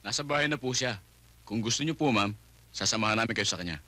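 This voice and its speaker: An actor playing a courteous, deferential attendant who speaks formally. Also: male voice, medium pitch, animated, quick pace, bright, forceful tone.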